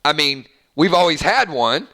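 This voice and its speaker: Unhurried but very animated, a man with a somewhat high, sharp voice hosts a casual fan live stream. He chats and reads viewer comments in an upbeat, rambling manner, leaning on fillers and restarts.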